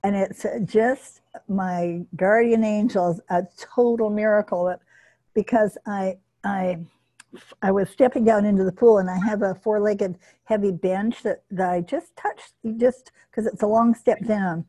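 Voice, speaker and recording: Mellow-voiced woman hosting an online session. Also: medium pitch, steady tone, a little slow, low-quality recording. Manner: chatty, repeats words, warm gratitude. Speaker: workshop host. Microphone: video call.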